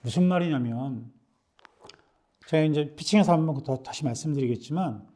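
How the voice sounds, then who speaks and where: Mellow-voiced man giving a lecture. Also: a little high, normal speed. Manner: conversational, acts out quoted dialogue, frequent restarts. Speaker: startup lecturer. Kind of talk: classroom lecture.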